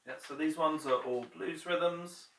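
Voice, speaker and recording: Guy teaching drums, counts out loud, echoey room, mic kinda far, loud drums going. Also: a little high, unhurried, a little hiss or hum. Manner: counts beats aloud, loud and clipped when counting. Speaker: drum teacher. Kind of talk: relaxed lesson talk between drum exercises. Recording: roomy drum room, mic some distance off, drum kit loud. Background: drum kit playing.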